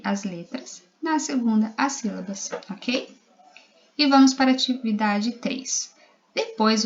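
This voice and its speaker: A woman's voice: a little high, muffled recording. A woman primary school teacher with a Brazilian Portuguese accent, giving a recorded literacy lesson to young children, spelling out letters and syllables patiently.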